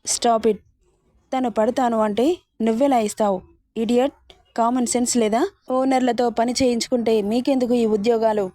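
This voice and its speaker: A curt young husband snaps and scolds in short, sharp lines, as a woman narrator reads him in her own mellow voice. It is a romance storybook reading, close and dry. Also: on the high side, steady tone, moderate pace, no echo, close to an everyday voice. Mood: angry.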